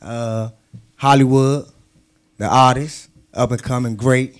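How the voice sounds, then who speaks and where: Speaking slowly in a steady, medium-pitched voice, a man appears as a guest promoter on a casual talk-show interview. He is laid-back and keeps repeating "you know what I'm saying."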